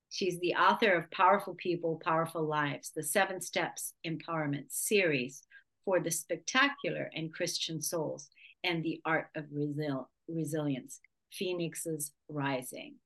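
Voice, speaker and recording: A woman's voice: deep voice, a bit bright. A woman hosting a radio talk show, introducing and interviewing a guest in an effusive, enthusiastic way.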